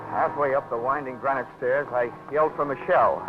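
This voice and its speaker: In a 1940s radio drama, a male actor plays a hard-boiled insurance investigator who serves as lead and narrator, speaking fairly quickly in a natural, mid-range voice. His narration is wry, clipped and full of wisecracks. The old broadcast sounds dull and carries music.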